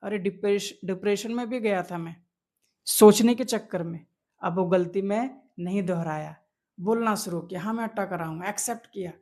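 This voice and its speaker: A man's voice: high-pitched, normal speed, dark tone. Guy doing a motivational speaking tips video, earnest, keeps asking questions then answering them. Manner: earnest, repeats key points and asks rhetorical questions. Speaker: video creator coaching on fluent speaking. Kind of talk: motivational coaching talk to viewers.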